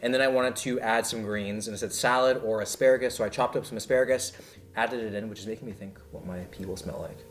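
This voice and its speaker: A man's voice: lowish voice, fairly even intonation, fast, slight background noise. Joking young man vlogging. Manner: joking, chatty, explaining diet tips. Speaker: fitness vlogger. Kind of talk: casual vlog chat.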